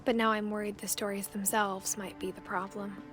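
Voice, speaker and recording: An actress narrating as a young woman uncovering her family's secrets, speaking in a quiet, reflective way. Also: mid-range voice, level tone, brisk, faint music behind, natural voice. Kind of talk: game narration.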